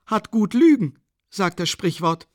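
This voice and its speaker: A man reading an audiobook, voicing a breathless, coughing, impoverished mother who talks in shrill, hasty pleas and scolding. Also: big pitch swings, a little slow, darkish tone, no room sound, clean studio sound. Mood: frantic, pleading. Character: frantic impoverished widowed mother, consumptive woman. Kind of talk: audiobook character voice.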